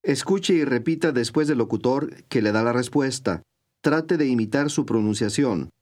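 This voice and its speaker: A man narrating an old-style recorded language lesson, clear and measured like a teacher giving drills, mid-pitched voice. he speaks steadily and carefully. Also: animated, a little mellow. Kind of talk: scripted instructional narration.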